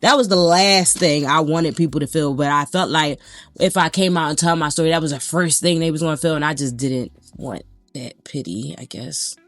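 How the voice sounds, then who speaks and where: A young woman, a podcast host, talking candidly and haltingly about her own hard times, getting emotional and close to tears. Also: low-pitched, fairly bright tone, no echo, soft background music. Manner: candid, halting, trails off into fillers. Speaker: podcast host, interviewed as guest. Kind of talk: emotional personal conversation.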